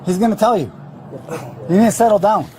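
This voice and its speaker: A male police officer fires off urgent, exasperated commands. His delivery is quick and high in pitch with big swings. The bodycam audio is clearly noisy. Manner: forceful, exasperated warnings. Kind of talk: urgent commands during an arrest. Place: beside a police car, on bodycam.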